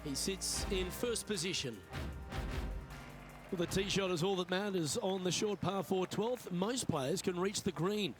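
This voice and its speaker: A man giving golf commentary as lead announcer, in understated, measured remarks on play. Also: high-pitched, over music.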